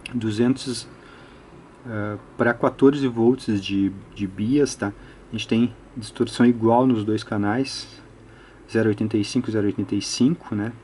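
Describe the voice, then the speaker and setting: Steady in tone and a little mellow, the low-ish voice of a Brazilian electronics hobbyist presenter moves unhurriedly through an unscripted technical tutorial. He thinks aloud methodically and often adds short tag questions. There is slight background noise.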